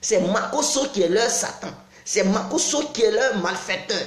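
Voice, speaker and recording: A man's voice: high voice, animated, normal speed, reverberant. A man delivering an accusatory monologue and repeatedly urging listeners to pay attention. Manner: insistent, repetitive, urging listeners. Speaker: accusatory commentator. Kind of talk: denunciation monologue.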